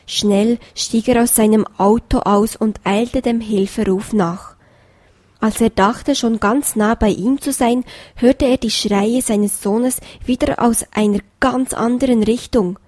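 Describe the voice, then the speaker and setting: A woman reading a children's story aloud with slow, gentle storytelling. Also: a little high, steady tone, no room sound, studio quality. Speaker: reader.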